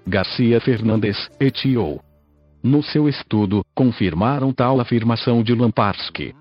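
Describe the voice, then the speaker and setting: An old-style text-to-speech man with a Brazilian accent narrates a podcast article in a stiff, mechanical way. His mid-pitched voice is rough-edged rather than clean. The audio is dull and lo-fi, with soft music underneath. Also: unhurried, no room sound. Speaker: podcast host. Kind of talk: scripted narration, reading an article aloud.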